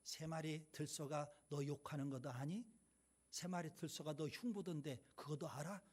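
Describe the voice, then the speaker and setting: A man voicing a sly male lion in a sermon story, speaking in a hushed, coaxing tone. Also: fairly high pitch, fairly even intonation, moderate pace, breathy edge. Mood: sly whisper.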